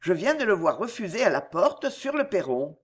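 A woman's voice: medium pitch, very animated, moderate pace, breathy edge. A woman reading a storybook and voicing a young aristocratic man who gossips in a sly, mocking way. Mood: insinuating.

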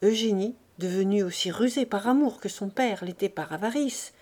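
Lectrice au timbre chaud et doux. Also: female voice, medium pitch, moderate pace, mellow. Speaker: narrator. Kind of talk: audiobook reading of a classic novel.

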